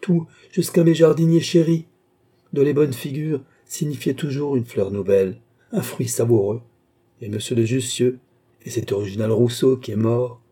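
A man reading an audiobook who voices a lively, playful young queen with an exuberant manner. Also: normal speed, slightly rough, close to an everyday voice. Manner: exuberant, raised pitch.

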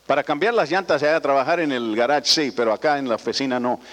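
A man's voice: medium pitch, fast talker, a bit bright. An older man tells a rambling, folksy personal story to an audience, often adding little tag questions. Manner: folksy, rambling, frequent "¿verdad?" tags. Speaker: speaker addressing business associates. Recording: long hall reverb.

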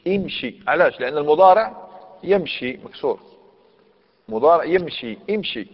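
A man's voice: on the high side, animated. A man with an Algerian Arabic accent teaching a classical grammar lesson. He explains step by step and keeps checking that his listeners follow. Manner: explanatory, checks understanding with quick questions. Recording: echoey hall, dull lo-fi sound.

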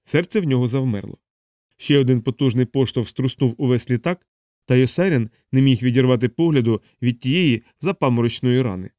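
A man reads a novel aloud in an even, measured way, with a middle-pitched voice. The recording is close and dry, with no room echo. His narration stays steady between the characters' lines. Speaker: audiobook narrator. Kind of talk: scripted narration.

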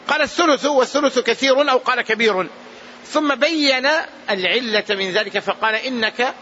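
A man's voice: extremely high pitch, sharp tone, highs cut off, slight background noise. A man teaching a mosque lesson on hadith as a sheikh, repeating key phrases for emphasis. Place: large mosque.

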